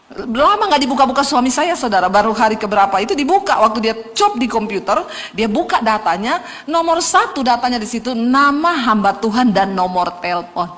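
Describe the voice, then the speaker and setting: A woman's voice: fairly high pitch, expressive, fairly quick, a bit bright, big-room sound. A woman pastor, preaching a sermon as a humorous story told straight to the congregation.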